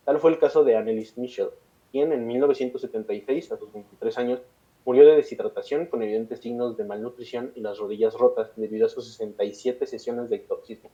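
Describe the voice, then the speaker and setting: A man's voice: medium pitch, fairly even intonation, quick pace, mellow. A man with a Mexican accent, a podcast co-host reading a scripted segment between casual banter. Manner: reads long passages, breaks into slangy chat. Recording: dull lo-fi podcast audio.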